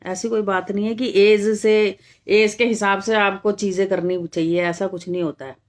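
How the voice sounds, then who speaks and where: A middle-aged woman from India hosting a casual live stream, talking straight to her viewers and firmly rebutting comments, repeating her points for emphasis. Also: mid-range voice.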